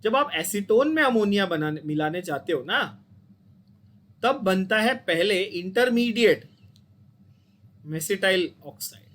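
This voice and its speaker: A man's voice: sits high, animated, a little slow, long pauses, a bit bright. A man with an Indian accent teaching chemistry to a class, explaining step by step and checking in with students often. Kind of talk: classroom lecture.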